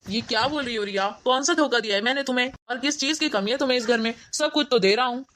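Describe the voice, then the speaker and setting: Woman voicing a young husband, fast and pleading, highish voice, keeps the peace. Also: fairly bright tone, close to an everyday voice. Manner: pleading, reasoning. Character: young husband, patient and placating.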